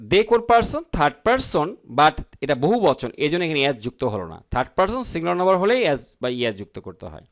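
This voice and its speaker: A man teaching English grammar and translation in a lesson, explaining word by word, asking and answering his own questions, and reading the English sentences slowly. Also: on the high side. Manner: explains word by word, often checking in with "ঠিক আছে?".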